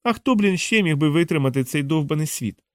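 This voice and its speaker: A man's voice: a little high, expressive, a little fast, no room sound, clean studio sound, voice pushed up, natural voice. A man voicing a burly, brash young male soldier who swears casually. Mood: brash, warm.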